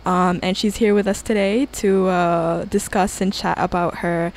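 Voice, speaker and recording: A woman's voice: fairly low pitch, steady tone, measured pace, darkish tone. A woman hosting a radio show, chatting eagerly with plenty of fillers and restarts. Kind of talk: casual radio interview. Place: radio studio.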